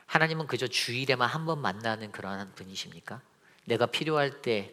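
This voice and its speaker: A man's voice: medium pitch, fairly bright tone. A man preaching a Sunday sermon as pastor, earnest and building to emphatic peaks. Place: church sanctuary. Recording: long reverb of a church sanctuary.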